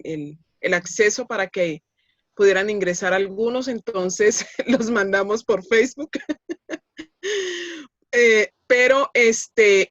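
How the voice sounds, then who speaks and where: A woman hosts an online session and speaks in a relaxed, slightly hesitant way. Her voice sits at a middle pitch. The call audio is dry and dull. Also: no echo. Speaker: host.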